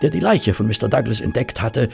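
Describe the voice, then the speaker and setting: An actor playing Dr. Watson, a genial English physician telling of a detective case in a German radio drama. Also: male voice, mid-range voice, expressive, brisk, creaky, darkish tone. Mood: grave, wry.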